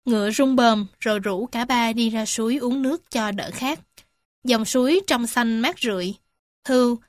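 A woman reading animal stories and facts aloud to young children, gentle and addressing them warmly as little ones. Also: fairly high pitch, dry recording, studio quality. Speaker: storyteller for children. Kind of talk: children's storybook narration.

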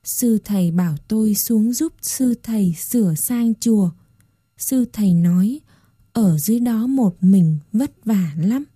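A woman's voice: medium pitch, unhurried, dark tone, husky, no echo, clean studio sound. A frail, weeping old grandmother, voiced by a woman. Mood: frail, tearful. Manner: weak and tearful.

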